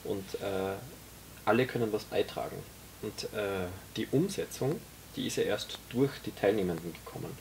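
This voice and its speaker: A man in his forties with a low, gravelly voice explains his vision at length, pausing often with fillers. He talks in a small tea café, picked up by a camera mic a few metres off. A faint hiss sits under the recording. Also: expressive, a little mellow. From Austria. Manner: explanatory, many hesitations. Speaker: guest, author. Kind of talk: casual conversation.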